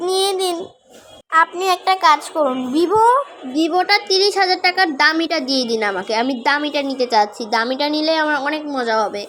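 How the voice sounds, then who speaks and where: A woman's voice: sits high, moderate pace, fairly bright tone. A woman acting in a home-made comedy skit as a fussy, complaining customer who repeats her words. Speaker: vlogger acting a shopping skit.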